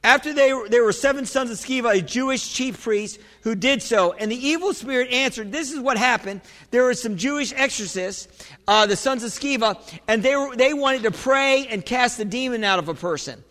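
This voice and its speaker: Male preacher, very high pitch, forceful bright tone, emphatic exhortation, repeated phrases, church sermon delivery. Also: moderate pace. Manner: emphatic exhorting, calls for amens. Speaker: pastor preaching to a congregation. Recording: reverberant hall.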